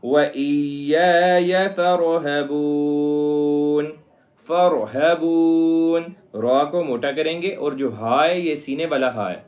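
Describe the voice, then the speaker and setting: A man's voice: mid-range voice, muffled recording. A man teaching Quran recitation in a recorded lesson, patiently explaining each step.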